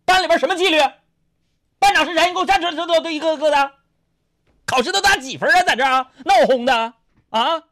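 A man putting on a furious male head teacher, shouting at a noisy class. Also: very high-pitched, fast talker, pauses often, pitched above the performer's own voice. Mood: furious scolding. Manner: shouting, scolding.

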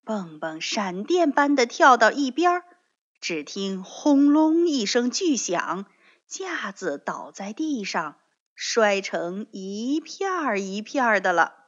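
A woman slowly reading a children's storybook aloud with expressive delivery. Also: medium pitch. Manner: slow, expressive read-aloud. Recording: dull lo-fi recording.

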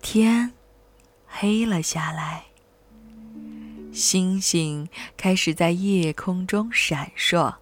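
A woman reading a children's picture book aloud in a slow, gentle, expressive way. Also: on the low side. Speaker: storyteller. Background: soft music.

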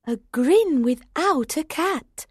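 A man's voice: very high voice, expressive, slow, dry recording, clean studio sound, pitched above the performer's own voice, heavily acted. A man voicing a polite, curious young girl who speaks in a wondering way.

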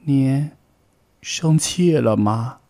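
A man's voice: a little high, unhurried, a little mellow, voice pushed up. A man voicing a young, stubborn frog child in a storybook reading, answering back defiantly.

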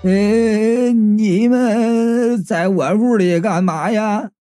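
A reader voicing an old man who is a possessed corpse, speaking slowly and hesitantly in an audiobook story. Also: medium pitch, mellow, faint music behind. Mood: wary. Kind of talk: audiobook character voice.

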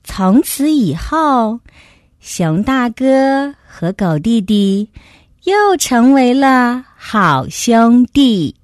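A woman telling a children's story in a slow, expressive manner. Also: a little high, no room sound, clean studio sound.

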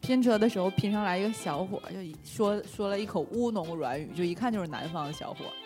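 A woman from Northeast China, co-hosting a casual chat and telling stories lively while acting out the quotes. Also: medium pitch, fast talker, faint music behind. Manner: lively storyteller who acts out quotes. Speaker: podcast co-host.

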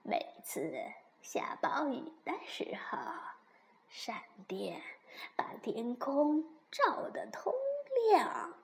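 A woman voicing a kind, gentle old granny bear who speaks in a soft, breathy half-whisper. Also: fairly high pitch, very animated, extremely slow, exaggerated voice.

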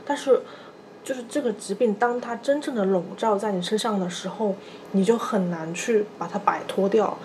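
A woman in her thirties, a podcast co-host, telling a personal story in a soft, halting way, often repeating small fillers. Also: mid-range voice, slight background noise. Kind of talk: personal storytelling in casual chat.

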